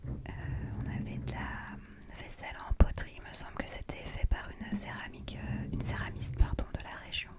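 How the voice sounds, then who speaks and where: Narrating her trip for a travel vlog, a woman whispers the whole way through, hushed as if it were night and close to the mic in an ASMR style. She recounts events the way a vlogger would, at a fairly quick pace.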